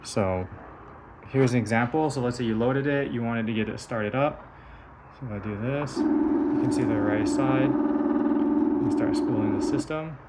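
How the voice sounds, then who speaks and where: With heavy noise in the background, a man in a mid-range voice demonstrates a prototype device he engineered. He explains it methodically and hands-on, speaking unhurriedly with long pauses.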